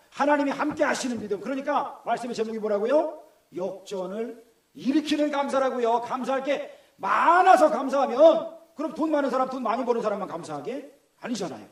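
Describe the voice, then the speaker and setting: Middle-aged male pastor, Gyeongsang accent, high-pitched, conversational sermon, roomy echo. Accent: Gyeongsang Korean. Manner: conversational, asks the congregation questions. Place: church hall. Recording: echoey church room.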